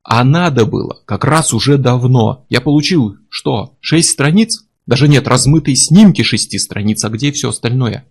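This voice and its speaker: A man's voice: medium pitch, lively intonation, moderate pace, hardly any pauses, husky. A man voicing a pushy, impatient male book publisher who nags brusquely over the phone. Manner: brusque, nagging.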